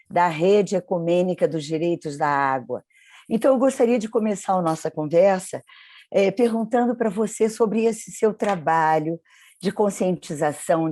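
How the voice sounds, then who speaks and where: A woman's voice: fairly low pitch, dark tone, no room sound, clean studio sound. A woman hosting an interview, asking long, effusive questions and often repeating words while she searches for her phrasing. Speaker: interviewer, program host.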